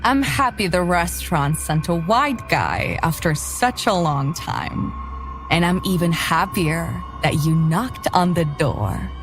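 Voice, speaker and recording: A raspy, hushed old crone with a sweetly menacing tone in an animated horror short. Her voice sits low for a woman and breathes out each line like a threat. Music runs underneath. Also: takes it slowly. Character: sinister old woman, flesh-eating ghoul. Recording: animation audio with background music.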